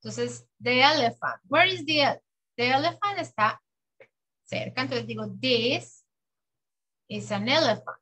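A woman teaching English to children, patiently drilling words slowly and clearly in a bilingual lesson. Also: high-pitched, animated, bright, forceful tone, rough recording. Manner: patient, exaggerated slow pronunciation for children. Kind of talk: bilingual classroom lesson, slow drilled repetition.

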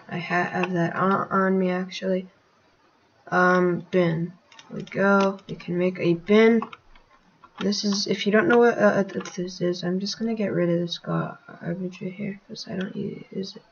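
A woman casually narrating her gameplay as a channel host, rambling with many fillers and sudden excited outbursts. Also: medium pitch, lo-fi sound.

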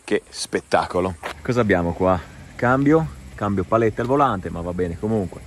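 A man's voice: fairly low pitch, normal speed, slight background noise. A man with an Italian accent, vlogging casually and enthusiastically outdoors about the cars he sees. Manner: enthusiastic, excitable, talks to viewers. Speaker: car vlogger. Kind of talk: casual vlog commentary. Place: outdoors in a mountain town. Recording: with music behind.

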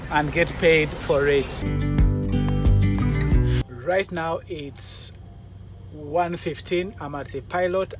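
This is casual vlog talk from a trucker in his forties who gives viewers advice and explains things in a fairly high voice. A phone or camera held at arm's length records him, mostly in his cab and partly outdoors, amid noisy vehicle ambience.

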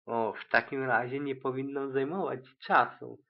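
A man's voice: medium pitch, fairly even intonation, moderate pace, lightly acted. A man voicing a fussy, dramatic young unicorn mare with a theatrical, fretful manner in an amateur audiobook reading. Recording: tinny, phone-like lo-fi sound.

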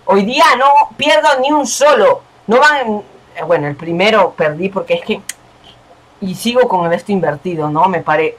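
A young man hosting a gaming channel, talking casually and excitably over his game, swearing and yelling at the screen. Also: sits high, moderate pace.

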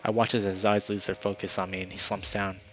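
Low-voiced man reading a story aloud. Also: little pitch movement, fast, muffled recording. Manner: dramatic story reading with casual asides. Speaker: gaming YouTuber. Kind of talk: reading a visual novel aloud.

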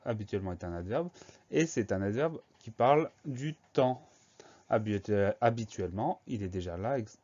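A man leads a spelling lesson, breaking words into syllables and letters at a deliberate pace. His voice sits in a middle pitch, and the recording sounds a little dull and lo-fi. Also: a little mellow. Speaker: teacher.

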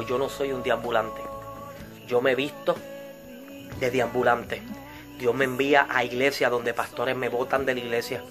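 A man's voice: medium pitch, bright, forceful tone. A man, a pastor telling a testimony in an earnest sermon with quoted dialogue. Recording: music playing behind.

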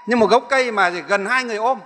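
A man's voice: sits high, quick pace, bright, forceful tone, a little hiss or hum. A man, a Buddhist monk, telling a story in a sermon, rambling and often repeating or correcting himself. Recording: echoey hall.

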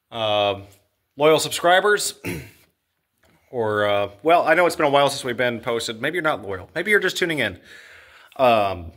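Filming himself on a handheld camera held close and low, a man in his thirties hosts a casual walk-and-talk vlog through abandoned halls and outdoor grounds, rambling, filler-heavy, and joking at his own expense. His voice is on the low side and fairly bright, with clean, studio-like sound and no room echo.

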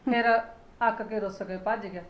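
A woman's voice: mid-range voice, steady tone, moderate pace, echoey room, slight background noise, natural voice, poor audio. A woman with a Punjabi accent playing a worried, apologetic mother-in-law who laments her son's behaviour. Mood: lamenting.

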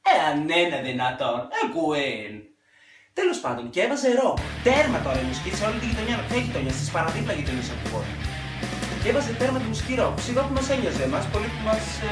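A young man vlogger telling a casual storytime monologue, animated and dramatic with sudden loud outbursts. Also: high voice, distant mic, over music. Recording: echoey room, off-mic.

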